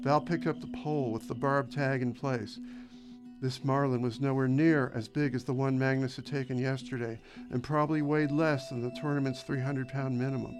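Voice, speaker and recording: A man reads fiction aloud in a measured, descriptive manner. His voice sits in an ordinary middle range. Steady music plays beneath the narration. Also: medium pitch. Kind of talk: audiobook narration. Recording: narration over background music.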